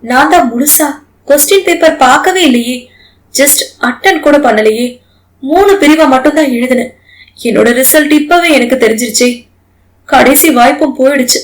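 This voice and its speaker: A woman's voice: sits high, normal speed, natural voice, low-quality recording. Woman playing a tearful, guilt-ridden young wife. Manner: pleading, tearful.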